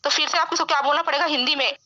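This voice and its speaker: A young woman English teacher giving a classroom grammar lesson, explaining slowly and often checking with "है ना?". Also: sits high, fairly even intonation, bright, forceful tone. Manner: explains slowly, keeps asking "है ना?". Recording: dull lo-fi sound.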